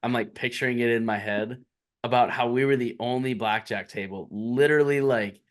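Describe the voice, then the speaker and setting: A man's voice: mid-range voice, fairly even intonation, moderate pace. A man co-hosting a podcast in casual chat, laid-back, filling in and correcting details of the story. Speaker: podcast co-host.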